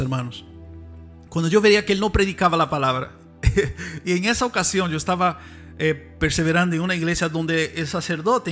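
A middle-aged man preaching a sermon as a missionary, fervent and emphatic, rising to loud insistent passages. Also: a little high. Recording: faint music behind. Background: faint music.

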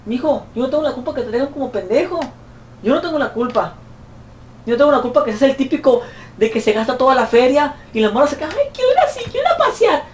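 A man with a Mexican accent, a YouTuber answering fan questions in a profane, mocking comic rant. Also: fast talker. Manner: profane, mocking, shrill put-on voices when quoting. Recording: roomy echo, distant mic, faint noise.

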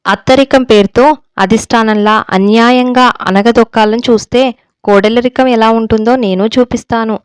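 A woman's voice: on the high side, steady tone, normal speed, clear, resonant tone, no room sound, close to an everyday voice. A woman voicing a fed-up, defiant young daughter-in-law who speaks heatedly in a storybook reading.

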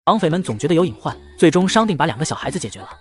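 Male comic-story narrator, very rapid delivery, lively pitch. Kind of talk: fast scripted story narration.

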